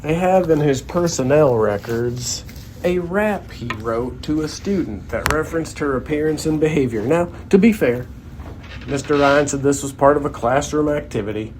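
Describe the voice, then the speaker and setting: A man's voice: mid-range voice, a little mellow, slight background noise. A man, a young adult guest comedian, delivering a sarcastic, grumbling comedic rant.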